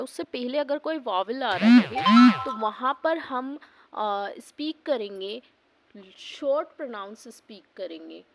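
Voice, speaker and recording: A woman teaching English pronunciation, spelling words out letter by letter and asking questions she answers herself. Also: on the high side. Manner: asks the class questions and answers them herself; spells words letter by letter and repeats them slowly. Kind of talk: pronunciation lesson.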